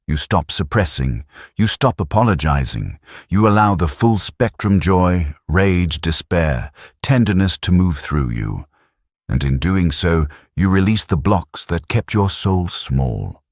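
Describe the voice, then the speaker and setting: Very deep, husky solemn male narrator. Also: no room sound, studio quality. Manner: solemn, meditative delivery. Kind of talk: scripted narration.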